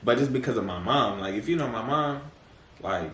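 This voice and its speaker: A man's voice: mid-range voice, lively intonation, fairly quick, fairly bright tone. Laid-back man in an echoey room. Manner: laid-back slang, many fillers, laughs often. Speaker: podcast guest. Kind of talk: casual chat. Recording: echoey room, mic at a distance, faint noise.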